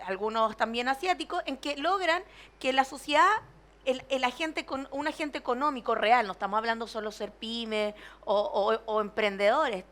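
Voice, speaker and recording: Woman, party leader on a debate panel; high voice, earnest, restarts mid-thought. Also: a bit bright. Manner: earnest, restarts often while building points. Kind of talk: public debate argument.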